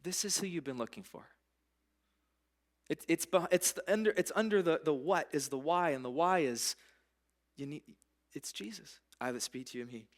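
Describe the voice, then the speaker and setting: A man giving a casual, conversational sermon as a pastor in a church, his delivery swinging from hushed to urgent. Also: fairly high pitch, lively intonation, moderate pace, long pauses.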